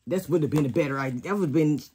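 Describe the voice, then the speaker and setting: Talking rapid-fire in a low, mellow, slightly raspy voice, a woman casually demonstrates shoe decorating to viewers she calls "y'all." The setting is her craft studio with sewing and embroidery machines, and the sound comes from a camera mounted over her worktable.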